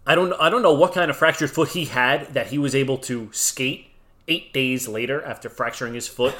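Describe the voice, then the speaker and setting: A man's voice: mid-range voice, a little fast. A man co-hosting a casual sports podcast, arguing his point with jokes, his voice jumping up when he gets worked up. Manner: argumentative, jokey, voice jumps up when excited. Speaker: podcast co-host and blogger.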